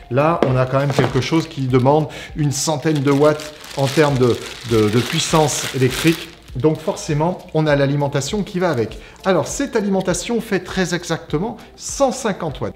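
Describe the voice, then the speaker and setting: A man's voice: on the high side, slight background noise. Chatty man unboxing a laptop. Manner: chatty, explanatory, frequent "alors" and "on va dire". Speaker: IT company presenter. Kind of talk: casual unboxing product review.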